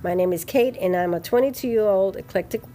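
A woman co-hosting a casual podcast, talking in a lively, blunt way with profanity and laughing easily. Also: medium pitch, brisk. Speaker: podcast co-host.

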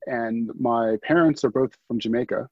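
A man from Baltimore, a panel guest, reading scripture in a steady voice and then chatting casually. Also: medium pitch, moderate pace, muffled recording. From Baltimore, Maryland.

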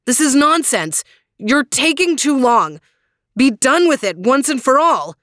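A woman's voice: high-pitched, animated, a little slow, a bit bright, dry recording, studio quality, pitched above the performer's own voice. A woman playing a hot-tempered young knight. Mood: impatient. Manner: heated, defiant.

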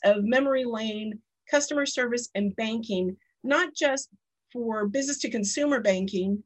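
A woman in her fifties hosting a podcast, chatting casually and telling personal stories. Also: on the high side. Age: 50s. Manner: chatty and storytelling. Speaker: podcast host.

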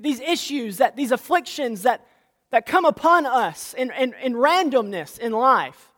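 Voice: medium pitch, a bit bright. A pastor preaching a sermon, asking the congregation rhetorical questions and often restarting and repeating words. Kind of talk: sermon with scripture reading. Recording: long hall reverb.

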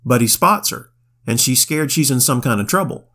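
A man's voice: medium pitch, expressive, normal speed, pushed and bright. A man co-hosting a casual Bible study podcast, retelling scripture in folksy slang and quoting old King James wording. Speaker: podcast co-host reading the Bible.

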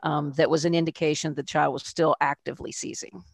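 A woman describing her experience in the emergency department during an online panel, slightly halting as she recounts what she saw. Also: low voice, little pitch movement, creaky, husky, no echo, clean studio sound. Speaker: emergency care clinician.

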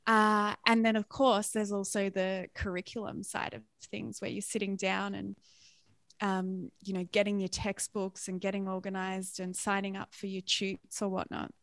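An Australian woman in her thirties with a gravelly edge of vocal fry in her voice, recorded close and dry with no room sound. She speaks frankly and reflectively, laughing easily as she tells her story. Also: mid-range voice, flat delivery, moderate pace, a bit bright, dry recording. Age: 30s. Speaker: guest. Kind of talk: candid personal story in a podcast interview.

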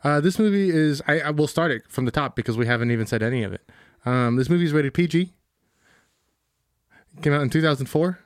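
A man co-hosting a casual movie podcast, reading out film facts in a deadpan way with slow pauses. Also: on the high side, no echo, studio quality. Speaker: podcast co-host. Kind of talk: casual chat.

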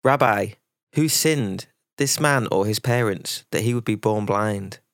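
Sermon-story disciple read by a man: low, earnest, puzzled questioning. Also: unhurried.

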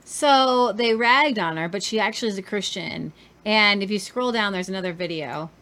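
A woman's voice: mid-range voice, normal speed, pushed and bright. A woman hosting a podcast, giving casual commentary on viral videos. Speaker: podcast host.

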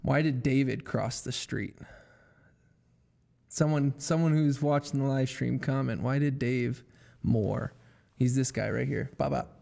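A man's voice: mid-range voice, fairly even intonation, measured pace, creaky, warm tone. A man hosting a live stream in a casual, chatty way, greeting viewers and humming while he sets things up. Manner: upbeat, chatty, hums filler tunes while setting up. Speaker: livestream host.

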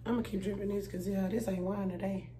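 A woman's voice: medium pitch, steady tone, fast talker, mellow, slight background noise. Blunt, emphatic woman podcast host. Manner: blunt, emphatic, repeats herself, swears freely. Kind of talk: casual chat.

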